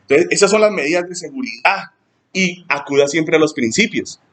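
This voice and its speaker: A male pastor delivers a sermon at a moderate pace, preaching in an animated style and mimicking church members in high, mocking voices.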